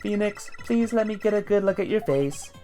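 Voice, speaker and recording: A woman voicing a cheerful female guide robot in a bright, singsong announcer manner, with a put-on robot voice. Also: medium pitch, expressive, moderate pace, faint music behind, voice pushed up. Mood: chirpy. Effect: robot voice, put on by the reader. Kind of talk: fan voice acting of a game.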